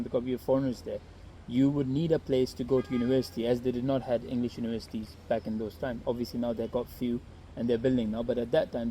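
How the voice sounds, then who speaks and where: The guest in this casual street interview is a young Pakistani man raised in Saudi Arabia, recounting his story earnestly but ramblingly, full of fillers and false starts. He has a warm, medium-pitched voice. The audio is poor, with a little hiss or hum.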